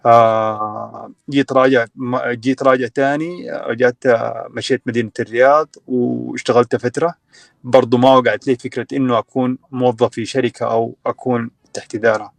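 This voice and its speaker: Quick-talking young Sudanese man, halting. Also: mid-range voice, steady tone, creaky, no echo. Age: young adult. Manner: hesitant, many fillers and restarts. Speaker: guest sharing his story. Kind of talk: casual online audio chat.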